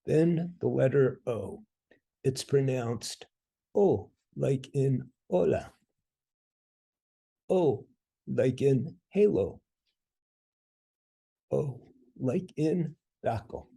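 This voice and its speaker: Man, language tutor voice-over: slow, gravelly, deadpan wit. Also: medium pitch. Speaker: language teacher. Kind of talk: scripted narration.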